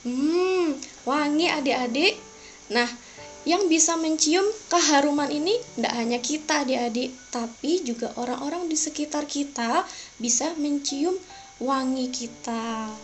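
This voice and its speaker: A woman's voice: high-pitched, measured pace, faint music behind. A woman teaching a children's Bible lesson in simple, coaxing, sing-song phrases, as if talking to small children. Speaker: children's Sunday school teacher and host. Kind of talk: children's Bible lesson, addressing young kids directly.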